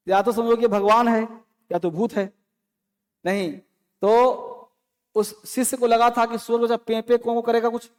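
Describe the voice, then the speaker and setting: High-voiced male teacher in a reverberant hall. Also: a little mellow. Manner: reads English lines slowly, then explains them in Hindi. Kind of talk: classroom lesson explaining an English text.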